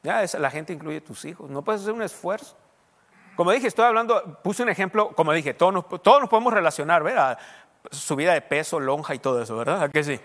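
High-voiced pastor preaching in a hall. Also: male voice, animated, quick pace, fairly bright tone. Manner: conversational preaching, rising to emphatic questions. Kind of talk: sermon. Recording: long hall reverb.

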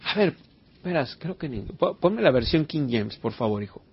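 Male pastor, raspy mid-pitched voice, conversational sermon, muffled low-fidelity recording. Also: big pitch swings, normal speed. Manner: earnest, repeats words, asks the congregation questions. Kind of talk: conversational sermon with Bible study. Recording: dull lo-fi recording.

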